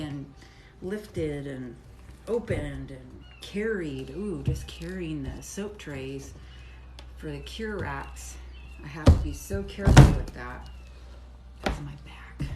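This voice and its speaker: A middle-aged woman chatting casually on a live stream while she cuts soap, rambling and talking between bites. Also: low voice. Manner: chatty, rambling, talks while chewing and working. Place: home soap workshop. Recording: echoey room with clear background noise.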